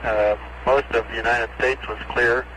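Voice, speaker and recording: A man's voice: medium pitch, flat delivery, moderate pace. Man on crackly space radio. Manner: clipped radio procedure, reads numbers back. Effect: crackly space-to-ground radio transmission, archive recording. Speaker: astronaut. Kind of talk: space-to-ground radio exchange.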